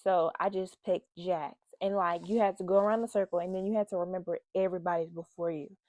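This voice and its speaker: A woman's voice: on the low side, fairly even intonation, fast, a little mellow, no echo. A young woman vlogger telling a casual storytime, chatty and talking straight to her viewers. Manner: chatty, addresses viewers as y'all.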